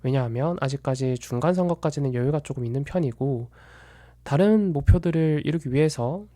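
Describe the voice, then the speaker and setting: An investment commentator calmly lays out his own view of markets in a solo commentary, measured and analytical, and sometimes stops to correct himself. His voice is a little high, and there is no echo.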